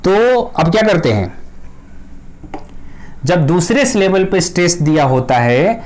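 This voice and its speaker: Guy teaching english grammar, patient, says stuff twice, kinda high voice. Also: sing-song, a little slow, darkish tone. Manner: patient, repeats key points, reassuring. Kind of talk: explanatory lesson.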